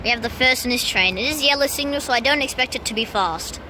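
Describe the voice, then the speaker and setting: A woman's voice: on the high side, fast talker. A woman giving train-spotting vlog commentary on a train platform, calling arrivals and departures like an announcer with casual asides. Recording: loud train and platform noise. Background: trains, vehicles, outdoor station ambience.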